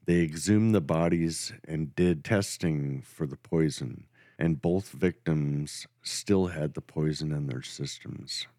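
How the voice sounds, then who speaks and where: A man hosting a podcast, telling a true crime story in a steady, matter-of-fact way. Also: rumbling low, slow, dry recording, clean studio sound. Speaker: podcast host.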